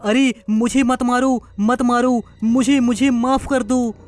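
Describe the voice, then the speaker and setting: A woman voicing an irritable, easily frightened young husband in an animated story, demanding and stammering. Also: mid-range voice, a little slow, soft background music, close to an everyday voice. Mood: panicked. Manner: demanding, then panicky and stammering.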